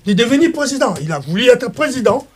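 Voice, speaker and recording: A man's voice: very high-pitched, sing-song, fast, slightly rough. A man from Congo with a Congolese French accent, speaking as a political guest in an interview. He talks in an impassioned way, with stumbling restarts and repetitions, and mixes in Lingala phrases. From Democratic Republic of the Congo.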